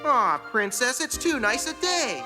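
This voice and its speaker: A whiny, cocky cartoon hero. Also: male voice, extremely high pitch, sing-song, measured pace, bright, forceful tone, soft background music, exaggerated voice.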